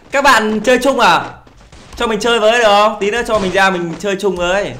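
A young man with a high voice, chatting casually as he plays. He whines, pleads and pokes fun at himself in a playful way. A faint hiss of background noise sits under the voice. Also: steady tone, brisk, a bit bright. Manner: whiny, pleading, playfully self-pitying banter. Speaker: gaming channel host. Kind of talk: casual live commentary while playing.

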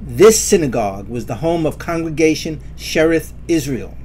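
A man narrating a scripted historical announcement in a measured, formal reading voice. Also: fairly high pitch, lively intonation, darkish tone, slight background noise.

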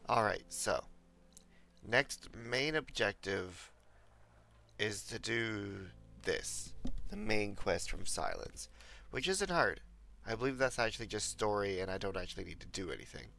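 Young male streamer, getting over a cold, rough gravelly voice, chatty and rambling. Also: lowish voice, lively intonation, a little slow, bright, forceful tone. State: recovering from a cold. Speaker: livestreamer. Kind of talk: casual gameplay commentary.

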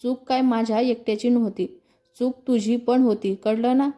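A woman voicing a stubborn young man in a storybook reading, answering back with defiant shouting. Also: fairly high pitch, steady tone, normal speed, close to an everyday voice. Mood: angry.

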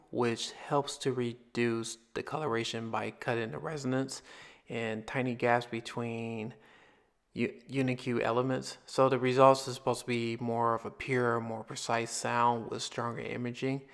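Male vlogger, mid-pitched, casual rambling product review with frequent restarts. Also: gravelly, a bit bright. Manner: rambling, repeats himself, restarts phrases. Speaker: tech reviewer.

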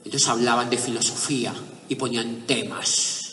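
Man, motivational speaker, lively storytelling, roomy distant sound with faint noise behind. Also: medium pitch, normal speed. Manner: animated storyteller who builds to emphatic, raised-voice points. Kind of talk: storytelling talk to a live audience. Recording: echoey hall, voice picked up from a distance.

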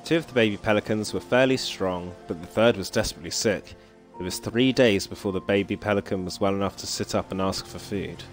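Here a man with a fairly low voice streams a game from home, talking fairly fast and barely pausing. His chat is relaxed: he reads on-screen story text, ponders aloud, and laughs often, while faint game music runs underneath.

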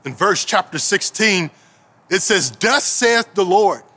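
A man in his thirties delivers a sermon from an indoor stage, speaking into a headset mic. His voice sits high and bright. He repeats key phrases for emphasis and sinks into quiet, low declarations. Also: animated, slow pace. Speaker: pastor. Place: indoor stage with string lights.

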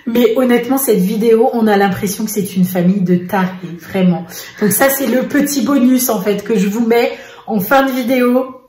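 A woman vlogger and mother in casual chat to a face camera, telling a family story in an animated way with lots of fillers. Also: a little high, moderate pace, a little hiss or hum. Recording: echoey room.

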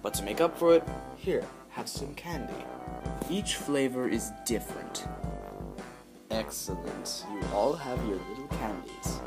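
A man's voice: mid-range voice, lively intonation, a little slow. Man playing a theatrical, menacing game-show host. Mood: sinister politeness. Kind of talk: amateur plush-toy cartoon role-play. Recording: music behind the voice.

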